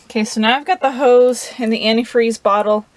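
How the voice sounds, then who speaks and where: A woman's voice: on the high side, fairly even intonation, fairly quick, dry recording. A woman vlogger giving a laid-back, informal how-to explanation, chatting casually to the camera. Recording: clear background noise and ambience.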